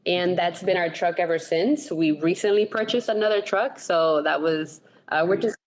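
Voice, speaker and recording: Sex: woman. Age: 30s to 40s. Origin: Latin America. Style: casual podcast interview. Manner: chatty, laughs easily. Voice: fairly low for a woman, faint noise behind. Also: moderate pace, rough recording. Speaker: co-owner, operations manager.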